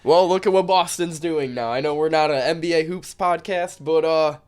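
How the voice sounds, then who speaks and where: Laid-back man with a smooth voice. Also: a little high, normal speed, darkish tone. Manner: laid-back, blunt, swears casually. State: sick, losing his voice. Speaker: podcast co-host. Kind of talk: casual sports betting chat.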